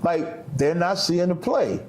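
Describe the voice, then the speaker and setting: Speaking slowly in an animated, high voice, a man in his 50s is the guest in a casual interview. He talks loosely and with emphasis, heavy on street slang and sounding like he's preaching.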